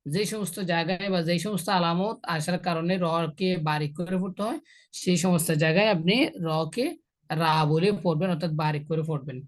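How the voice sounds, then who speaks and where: A man teaching the pronunciation of Arabic letters for Quran reading, patient and repetitive, pausing with hesitations and chanting example verses slowly. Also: high-pitched. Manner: patient, repeats phrases, hesitates with "ah". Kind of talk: explaining letter pronunciation in a class.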